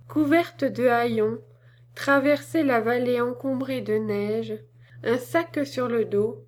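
A woman narrating a classic tale as an audiobook, reading in a measured storytelling manner. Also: a little high, a little mellow.

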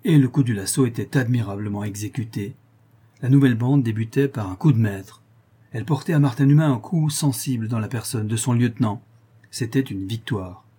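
A man reading an adventure story aloud as a narrator, in a steady storytelling manner that lifts at the dramatic turns. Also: medium pitch, a little fast, slightly rough. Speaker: audiobook narrator. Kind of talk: scripted narration.

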